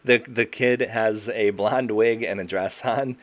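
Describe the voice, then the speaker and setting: A man's voice: on the low side, steady tone, unhurried. A man co-hosting a film podcast in casual chat, rambling and correcting himself, laughing often. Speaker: podcast co-host.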